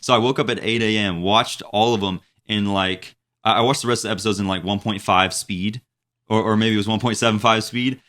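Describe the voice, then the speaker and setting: A young man in his twenties chats loosely as a podcast co-host, his voice sitting deep and low. He rambles along, circling back through fillers and restarts as he works out his thoughts. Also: fairly even intonation, a little fast, a bit bright. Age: 20s. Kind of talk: casual chat.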